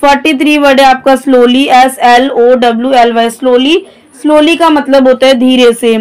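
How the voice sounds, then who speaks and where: A woman's voice: sits high, steady tone, a little slow, a little mellow, clean tone. A woman teaching English vocabulary, spelling each word letter by letter and then explaining its meaning. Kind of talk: vocabulary lesson, spelling out words.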